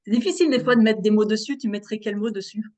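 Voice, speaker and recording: Fast-talking woman interviewer. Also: medium pitch, darkish tone. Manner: curious, asks reflective questions. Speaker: interview host. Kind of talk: conversational interview.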